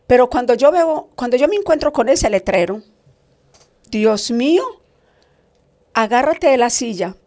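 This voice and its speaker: A woman's voice: on the high side, lively intonation, fairly quick, few pauses, a little mellow, no room sound. A woman giving an impassioned preaching testimony in a pleading tone.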